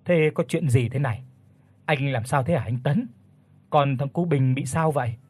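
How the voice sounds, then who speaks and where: A man's voice: mid-range voice, moderate pace, a little mellow, breathy edge, no room sound, natural voice. A man voicing a hot-tempered middle-aged village father who blusters angrily, in a spoken ghost story. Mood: puzzled. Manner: angry blustering.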